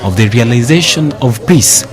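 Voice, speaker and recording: Guy doing measured scripted voiceover for an event report, middle pitch. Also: lively intonation, over music. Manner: formal, measured. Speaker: narrator. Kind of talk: scripted voice-over narration.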